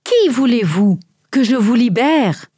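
A woman voicing an anxious Roman governor in a storybook Bible reading, pitching her voice up and pleading. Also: expressive, slow pace, dark tone, slightly rough, no echo, clean studio sound, full character voice. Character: anxious Roman governor, middle-aged man.

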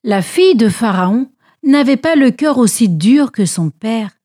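A woman narrating a children's Bible story in an expressive, animated way. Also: a little high, measured pace, no room sound, studio quality.

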